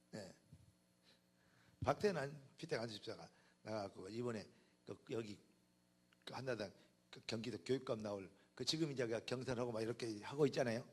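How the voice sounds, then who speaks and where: A pastor gives a sermon in the Jeolla dialect, his husky voice in the mid range. He alternates between emphatic, loud pronouncements and quieter, conversational asides.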